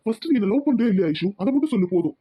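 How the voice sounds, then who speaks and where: A woman's voice: fairly high pitch, lively intonation, racing, breathy edge, dull audio. A woman voicing a lovesick young male student in a Tamil cartoon, begging earnestly.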